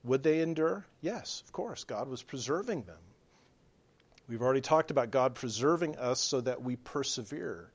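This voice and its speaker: A male pastor preaching a sermon, earnest, shifting between hushed lines and emphatic exhortation. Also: mid-range voice, lively intonation, moderate pace.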